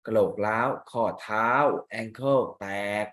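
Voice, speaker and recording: Speaking Thai in an echoey room, a man teaches English by walking through an exam reading passage and posing questions to his students, giving the English words a Thai accent. His voice is fairly low, a bit bright, and fairly even, and he talks slowly in a chatty way full of rhetorical questions.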